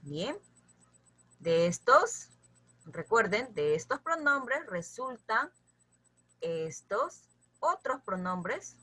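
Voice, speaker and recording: A woman's voice: a little high, very animated, drawn-out words, long pauses, bright, forceful tone, husky. A woman teaching a grammar lesson, patiently addressing her students and checking in with them often as she repeats lists for them to memorize.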